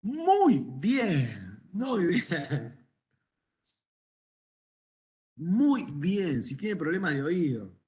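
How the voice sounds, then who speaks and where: Argentine doctor quizzing a class. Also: male voice, sits high, huge pitch swings, extremely slow, darkish tone. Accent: Rioplatense Spanish. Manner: conversational, asks the class questions, tells anecdotes. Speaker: ENT doctor teaching medical students. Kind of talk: lecture with questions to students.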